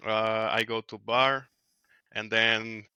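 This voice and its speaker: Speaking slowly in a smooth, lowish voice, a Slovenian man in his twenties with a Slovenian accent shares relaxed stories as a guest on a casual video-call interview. He works as a wilderness guide, laughs often and trails off mid-sentence while talking from a small room at home. His headset mic sounds lo-fi, with no room sound.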